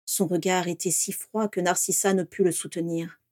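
A woman's voice: on the low side, flat delivery, moderate pace, a little mellow, no room sound. Woman reading a story, dry sound. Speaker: audiobook narrator. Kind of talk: scripted narration.

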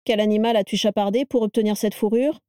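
A woman's voice: mid-range voice, steady tone, quick pace, mellow, dry recording, natural voice. A woman voicing a burly, blustering wizard who grumbles, sneers and panics easily, in a dry storybook reading. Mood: grumbling.

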